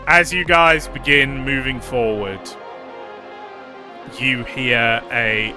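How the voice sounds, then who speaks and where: A man's voice: mid-range voice, sharp tone. A man narrating a tabletop game as game master on a live stream, chatty and loose. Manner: chatty and loose, with many fillers.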